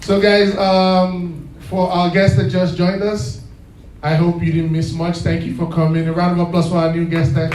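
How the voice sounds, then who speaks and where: A man hosting a live event, lively and encouraging, calling for applause. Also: sits high, moderate pace, noisy background. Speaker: event host. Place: event hall. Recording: roomy sound from a distant mic.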